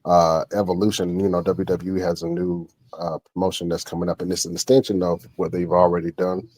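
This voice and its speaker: A man in his late thirties hosting a wrestling podcast, with a very deep, low voice. He asks his questions in a loose, halting way full of fillers, and he laughs easily with his guest. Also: little pitch movement, darkish tone. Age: 30s. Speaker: podcast host. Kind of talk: casual interview chat.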